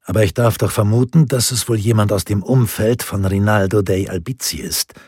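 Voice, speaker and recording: A man voicing a calm, grave imprisoned nobleman in an audiobook, measured and sober. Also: on the low side, breathy edge, dry recording, clean studio sound.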